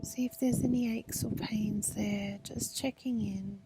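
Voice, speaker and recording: A woman guiding a meditation outdoors at a retreat, speaking slowly and soothingly and often sinking into soft whispers. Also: medium pitch, steady tone. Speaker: meditation guide. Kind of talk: guided meditation. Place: outdoor retreat under a pyramid structure. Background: instrumental music.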